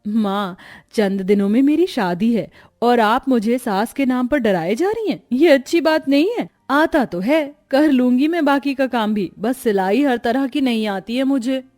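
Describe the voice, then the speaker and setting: Lady doing a scared young bride, stammering, highish voice, cartoon story. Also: measured pace, few pauses, darkish tone, no room sound, clean studio sound, soft background music, lightly acted. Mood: pleading. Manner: nervous, stammering. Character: nervous young bride, anxious about her mother-in-law.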